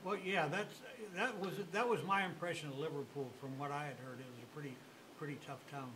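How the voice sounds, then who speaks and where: A male host of a talk show who speaks in a friendly, rambling and halting way while interviewing a guest. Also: fairly high pitch, sharp tone, poor audio.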